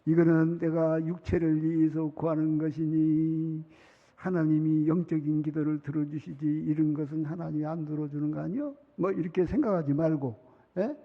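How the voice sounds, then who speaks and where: A man's voice: on the high side, fairly even intonation, normal speed. A middle-aged man preaching a sermon as pastor, chatty, laughing often and acting out children's pleas. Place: large church sanctuary. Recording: reverberant hall, muffled sound.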